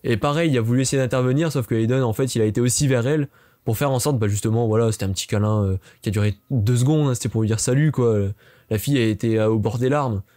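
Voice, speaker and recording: Rattling off a fan-meeting anecdote, this young man from France speaks in a mid-range, dark voice. The vlogger keeps it fast, loose, and chatty, with fillers everywhere.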